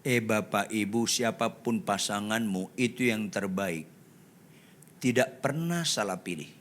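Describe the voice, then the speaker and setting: A male pastor in his sixties preaching a sermon, telling the story dramatically and acting out the characters, swinging between soft asides and loud shouts. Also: lowish voice, measured pace, slight background noise.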